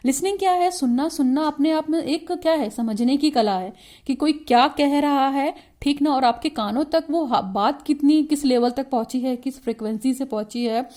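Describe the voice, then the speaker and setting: A woman with an Indian accent giving an explanatory lecture as a teacher. She reads points out slowly in English, then explains them and keeps checking in with her listeners. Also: high-pitched, a little mellow.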